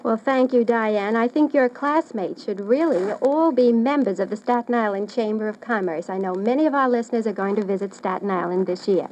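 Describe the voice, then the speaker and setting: A woman's voice: mid-range voice, brisk, hardly any pauses, a little mellow. A woman hosting a children's radio quiz, addressing her audience formally and with careful phrasing. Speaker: quizmaster and host. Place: radio studio. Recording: noisy old radio broadcast recording.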